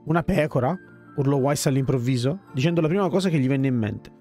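A man reading a fantasy game's story text aloud at a steady pace. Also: mid-range voice, fast talker, faint music behind. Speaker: gamer reading game text.

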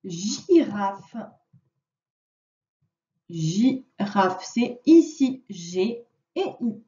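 Slow, careful woman teacher, distant and roomy. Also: mid-range voice, big pitch swings, dark tone, muffled recording. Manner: slow, carefully articulated word dictation. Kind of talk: remote phonics lesson for a child. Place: at a computer, recording the lesson.

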